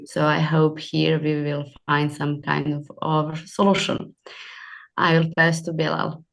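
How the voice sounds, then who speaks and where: A woman's voice: sits low, level tone, measured pace, vocal fry. A woman from Serbia, giving careful panel remarks on a video call.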